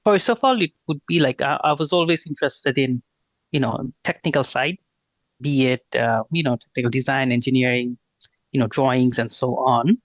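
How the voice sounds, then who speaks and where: With a medium-pitched voice at a moderate pace, a thirty-something renewable energy consultant from Bangladesh chats in an interview as the guest. The audio has no room sound, and his speech is loose, with lots of fillers and restarts.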